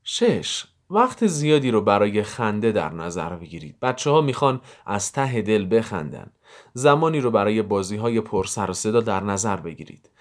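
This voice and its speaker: A man reading a scripted audio piece on parenting advice, calmly going through numbered tips. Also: on the low side. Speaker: narrator of a psychology audio series. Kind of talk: scripted narration.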